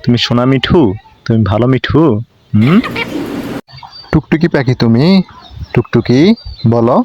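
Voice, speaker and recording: A man patiently coaxing his pet parrot to mimic a crow, in a gentle, coaxing way. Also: medium pitch, a little slow, muffled recording, a little hiss or hum. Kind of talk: coaxing talk to a pet bird.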